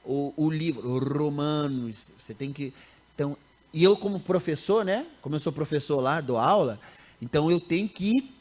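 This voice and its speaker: A man in his thirties from Rio de Janeiro with a Carioca Brazilian accent, a missionary teacher telling stories in a casual interview, animated and often breaking off mid-sentence. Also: on the high side, normal speed. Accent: Carioca Brazilian Portuguese. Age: 30s. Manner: animated, self-interrupting, laughs at own stories.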